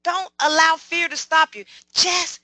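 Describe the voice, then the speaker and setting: A woman's voice: very high voice, steady tone, measured pace, bright, forceful tone, no room sound. A woman giving a live motivational talk, speaking emphatically and asking her audience many rhetorical questions.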